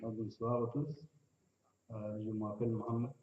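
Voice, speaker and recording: A man in his thirties gives testimony in a Sudanese accent. His French is broken and halting, that of a learner searching for words. The sound is dull and echoey, picked up some way from the mic. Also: fairly low pitch, flat delivery, distant mic, slight background noise. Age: 30s. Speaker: refugee giving testimony. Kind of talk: personal testimony at a public meeting.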